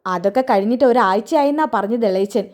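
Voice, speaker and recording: A woman voicing a calm young husband who explains things patiently. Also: a little high, fairly quick, lightly acted.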